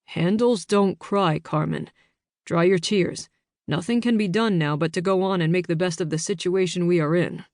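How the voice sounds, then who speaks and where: A woman voicing a weary father speaking gently from jail in an audiobook. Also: on the low side, moderate pace, no echo, studio quality, lightly acted. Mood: gentle, resigned. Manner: gentle, turns stern.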